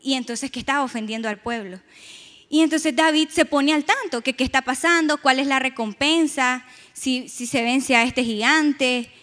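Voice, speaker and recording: A woman's voice: high voice, moderate pace, a bit bright. A woman preaching a sermon, emphatic and raising her voice when she reads scripture aloud. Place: church sanctuary. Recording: long church reverb.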